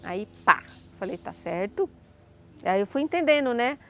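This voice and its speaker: A woman with a Brazilian Portuguese accent tells her life story as a personal testimony, animatedly acting out the dialogue. Her voice sits on the high side, and her pace is moderate.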